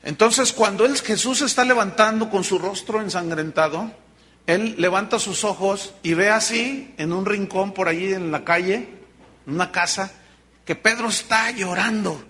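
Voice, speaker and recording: A middle-aged pastor tells a scripture story in a sermon and acts it out in an animated way. His voice sits high for a man, and it is bright and forceful. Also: moderate pace. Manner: animated storytelling, acting out dialogue.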